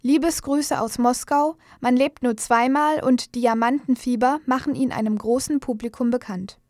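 A woman's voice: high voice, moderate pace, a little mellow, no room sound. A woman reading scripted biographical news narration as a voice-over. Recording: dry studio voice-over.

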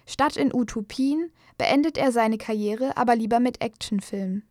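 Higher-pitched female news narrator. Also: moderate pace, darkish tone, no echo. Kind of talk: scripted biographical news narration. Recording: dry studio voice-over.

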